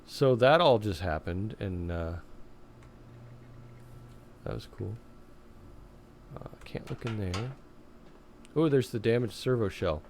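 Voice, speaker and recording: A man streaming a game live, chatting casually and reading the in-game dialogue aloud while his voice is going hoarse. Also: lowish voice, animated, slow, long pauses, slight background noise. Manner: casual, chatty, laughs often, reads dialogue in plain voice. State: losing his voice, coughing.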